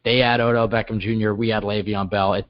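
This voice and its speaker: A man's voice: on the low side, flat delivery, fast, muffled recording. A male podcast co-host in casual sports chat, talking upbeat and steering the show to its close.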